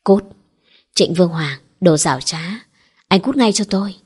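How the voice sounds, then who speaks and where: A woman's voice: lowish voice, lively intonation, moderate pace, darkish tone, breathy edge. A woman reading the lines of a defiant, desperate young wife in a storybook. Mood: angry. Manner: angry, pleading.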